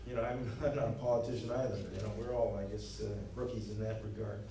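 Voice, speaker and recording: A man's voice: on the low side, steady tone, fast talker, mellow, recorded from a distance, slight background noise. A man giving an earnest, plain-spoken campaign closing statement at a local forum, with many fillers. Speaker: candidate giving closing remarks. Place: meeting hall. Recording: very echoey hall, from afar.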